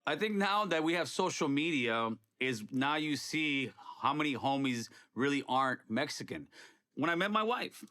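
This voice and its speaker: A man from Honduras in a casual interview, talking in an animated, emphatic way. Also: fairly high pitch, normal speed.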